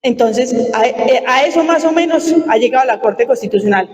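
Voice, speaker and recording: A woman's voice: on the high side, expressive, normal speed, darkish tone. Colombian woman lecturing in an echoing hall. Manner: emphatic, asks the audience questions. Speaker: lawyer and lecturer. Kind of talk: lecture to a live audience. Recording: distant roomy hall recording.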